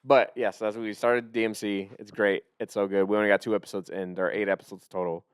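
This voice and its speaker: A man co-hosting a podcast in casual chat, rambling and excitable, often trailing off and restarting. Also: lowish voice, quick pace, clear, resonant tone, no room sound, studio quality. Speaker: podcast co-host.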